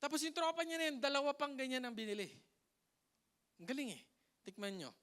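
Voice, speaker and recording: A man with a Filipino accent preaching a lively, playful sermon that mixes Tagalog and English, joking with the congregation and swinging between loud emphasis and soft asides. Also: extremely high pitch, a little fast. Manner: playful, jokes with the congregation and laughs. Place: church hall.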